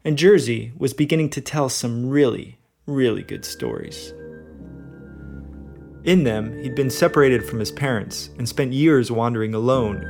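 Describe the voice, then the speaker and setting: Brief: man, podcast co-host, average pitch, wry scripted storytelling. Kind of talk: scripted narration.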